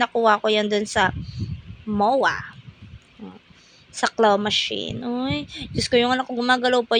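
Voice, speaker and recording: A woman's voice: fairly high pitch, a bit bright. A young woman, chattily narrating a family day-out vlog in a playful, slangy way. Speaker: vlogger, mother.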